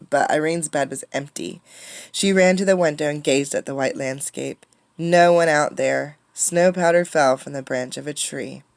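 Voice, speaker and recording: A teacher reads a picture book aloud in a fairly low voice with vocal fry, delivering it dramatically and emphatically and asking her listeners questions. The recording is dry, with very little room echo.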